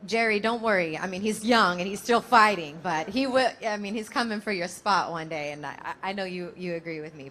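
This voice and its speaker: A woman's voice: mid-range voice, a bit bright. A woman with an American accent, hosting a boxing press conference as moderator. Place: live press event, at a table of fighters.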